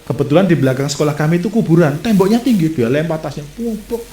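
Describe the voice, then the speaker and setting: A man preaching a sermon as a pastor, telling stories with lively gestures and speaking straight to his congregation. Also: on the high side, very fast, slight background noise. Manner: animated storytelling preacher, addresses audience directly. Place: church. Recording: echoey church hall.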